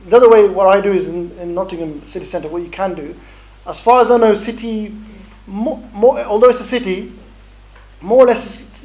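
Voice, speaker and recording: A middle-aged man leading a training workshop, animated and bantering, acting out street encounters as he talks. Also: sits high, rough recording. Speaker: dawah trainer. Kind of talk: energetic workshop talk.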